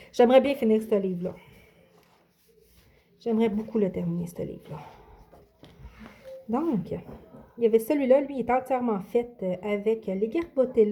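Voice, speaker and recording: A woman's voice: a little high, mellow. Hesitant Québécoise woman showing her coloring. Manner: hesitant, many fillers and restarts. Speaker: adult coloring vlogger. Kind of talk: casual show-and-tell vlog.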